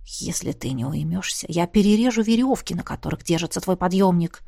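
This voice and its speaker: A man's voice: sits high, fast, dark tone, no room sound, studio quality. A woman reading an audiobook, voicing a stern, curt male dragon colonel. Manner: curt, commanding. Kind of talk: audiobook character voice.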